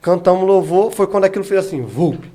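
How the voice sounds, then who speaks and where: A man's voice: high voice, expressive, brisk. A man, an evangelist giving his testimony as a podcast guest, telling his story vividly and acting out what was said. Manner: vivid storytelling that acts out remembered dialogue.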